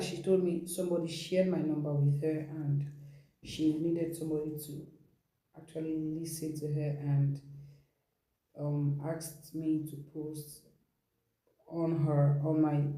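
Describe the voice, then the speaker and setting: A woman with a low, mellow voice speaks at a measured pace with flat delivery. She hosts an informal storytelling session, retelling someone's account conversationally and adding rhetorical asides. The room is spacious and echoey.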